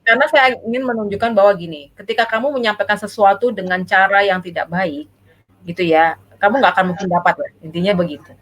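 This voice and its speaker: A woman's voice: mid-range voice, fast, a bit bright, low-quality recording. A woman child psychologist, giving parenting advice in a casual talk and explaining patiently with frequent tag phrases. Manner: explains patiently, keeps repeating "gitu ya".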